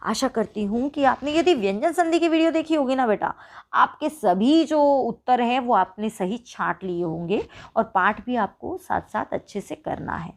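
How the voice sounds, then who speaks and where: A woman teacher with a fairly high voice works through a worksheet aloud for her students. She keeps asking them a question and then answering it herself. She slows right down to spell out each example. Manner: talks to pupils as children, asks and answers her own questions; stretches out each example slowly. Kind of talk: online worksheet walkthrough.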